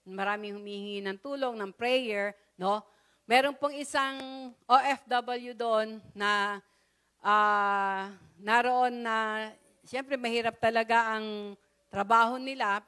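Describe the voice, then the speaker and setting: A Filipino woman preaching a sermon, telling a story and often checking in with the congregation with a quick tag question. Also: a little high, smooth. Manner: frequent "no?" tag questions, warm storytelling with rising excitement. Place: church service.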